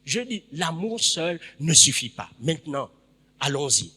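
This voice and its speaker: Guy preaching in an echoey church hall, high bright voice, keeps repeating lines and bursting out loud. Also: big pitch swings, a little slow, slightly rough. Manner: emphatic, repeats phrases, sudden loud bursts. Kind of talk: sermon.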